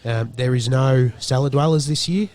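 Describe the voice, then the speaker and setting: A man's voice: mid-range voice, normal speed, a little mellow. Rambling Australian male football commentator. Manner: loose and rambling, many ums and restarts. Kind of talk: post-match commentary chat.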